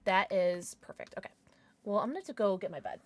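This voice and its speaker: A young adult woman chatting casually on a gaming livestream in a cute, bubbly, animated, exclamatory manner with playful slang. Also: mid-range voice, fast. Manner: animated, exclamatory, swinging from murmurs to squeals. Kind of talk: casual livestream chat over gameplay.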